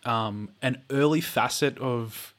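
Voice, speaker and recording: Australian man with vocal fry, mid-pitched. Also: slow pace, fairly bright tone. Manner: jokey, sweary, argumentative. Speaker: true crime podcast co-host. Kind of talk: casual banter.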